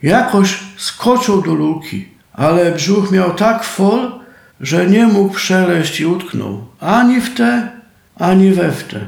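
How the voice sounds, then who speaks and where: Male Silesian folk-tale narrator, unhurried, gravelly tone, recorded in an echoey room. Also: high voice, very animated. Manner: homely storytelling in dialect. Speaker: storyteller.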